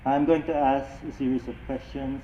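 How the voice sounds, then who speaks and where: A man officiating a wedding, putting formal vow questions in deliberate phrases. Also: mid-range voice, flat delivery. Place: wedding ceremony, over a sound system. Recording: echoey, thin phone-like sound, faint noise.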